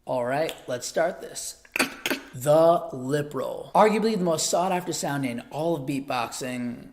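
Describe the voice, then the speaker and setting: A man hosting an upbeat online beatbox tutorial, talking in an energetic, chatty way. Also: on the high side, a little slow.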